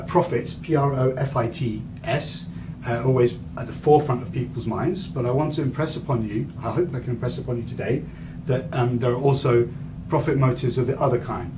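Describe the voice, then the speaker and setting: Man, 30s, rambling lecturer, mid pitch, heard from far off. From England. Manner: rambling, many fillers and restarts. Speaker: guest lecturer. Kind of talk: university lecture. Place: university lecture room. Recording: distant mic, audible room noise.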